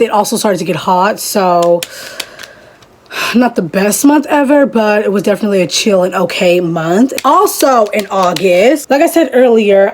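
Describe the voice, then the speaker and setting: A young woman vlogging casually while doing her makeup, rambling and chatty, leaning on "literally" and "like" and speeding up in quick bursts. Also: medium pitch, a little mellow. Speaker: beauty vlogger. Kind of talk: casual chat over a makeup tutorial.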